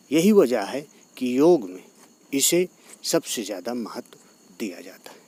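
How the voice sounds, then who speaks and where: A man gives a steady, explanatory yoga talk, repeating key points as he goes. His voice sits at an ordinary middle pitch. Crickets chirp softly behind him. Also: slightly rough. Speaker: yoga teacher.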